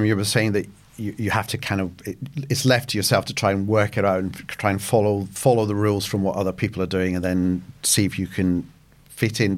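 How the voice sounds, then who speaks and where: A man hosting a panel discussion, putting questions in a tentative, roundabout way. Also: fairly low pitch. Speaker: panel host. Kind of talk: discussion moderating.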